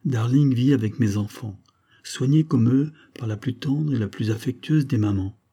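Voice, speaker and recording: A man's voice: medium pitch, moderate pace, mellow, slightly rough. A man voicing a grave, formal male secret-society master in an audiobook, speaking in a solemn, ceremonious way.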